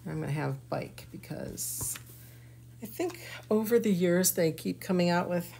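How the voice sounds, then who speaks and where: A woman's voice: lowish voice, expressive, unhurried, creaky, dark tone, slight background noise. A woman giving a chatty, folksy live craft tutorial and talking to her viewers as she works. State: hiccuping. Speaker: craft demonstrator.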